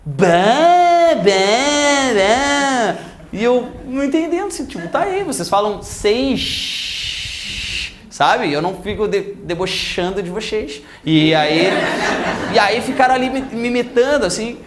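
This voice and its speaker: Brief: Gaúcho man, grammar teacher, high voice, animated and mimicking, echoey classroom sound. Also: a little slow, background noise. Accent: Gaúcho Portuguese. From Rio Grande do Sul, Brazil. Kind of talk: lively classroom lecture with anecdotes.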